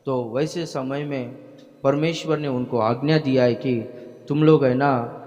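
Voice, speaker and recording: A man's voice: mid-range voice, steady tone, unhurried, a little mellow, dull audio. A male pastor preaching a sermon to his congregation, with emphatic delivery, frequent hallelujahs and questions thrown to the listeners. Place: church hall. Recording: long hall reverb.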